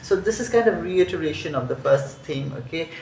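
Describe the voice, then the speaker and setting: A man's voice: on the high side, expressive, brisk, vocal fry, darkish tone, slight background noise. A man teaching a song, explaining each phrase, thinking aloud and correcting himself. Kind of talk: music lesson walkthrough. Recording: roomy echo.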